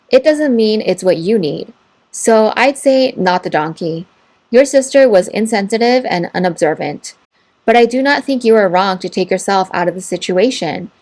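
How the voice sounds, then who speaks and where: A woman narrating, reading online posts and their comments aloud in an even, measured way. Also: mid-range voice. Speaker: story narrator.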